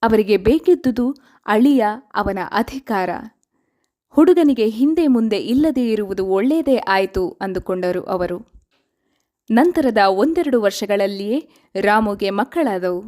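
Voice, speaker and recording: A woman narrating a story in a measured, expressive way. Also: medium pitch.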